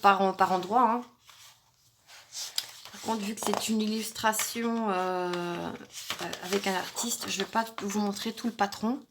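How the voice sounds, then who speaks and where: A woman's voice: medium pitch, fairly even intonation, unhurried, noisy background. A woman vlogger chatting casually through an unboxing, thinking aloud with frequent hesitations and fillers. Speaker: crafting vlogger.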